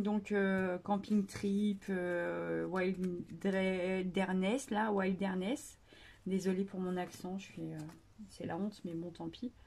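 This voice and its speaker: A woman's voice: mid-range voice, a little mellow. A woman hosting a casual scrapbooking tutorial, chatty and hesitant with many fillers, joking about herself.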